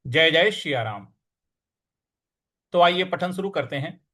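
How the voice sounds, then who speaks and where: Slow, high-voiced male recitation teacher. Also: lively intonation, pushed and bright. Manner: breaks words into syllables, recites verse lines deliberately. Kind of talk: Sanskrit recitation lesson.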